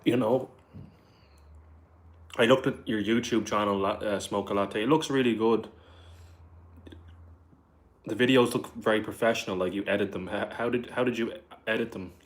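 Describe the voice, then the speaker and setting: In a voice on the low side, this Irish livestream host from Dublin keeps fairly even intonation at a moderate pace, pausing at length. He casually reads viewer questions aloud and answers with frequent "like" and "bro."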